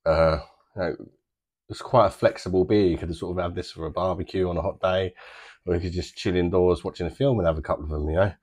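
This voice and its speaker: This deep-voiced British beer reviewer in his thirties speaks fast with a steady, darkish tone as he casually talks through a tasting to camera. He's chatty and relaxed, meandering through fillers and loose descriptions, recorded up close in a small home bar room.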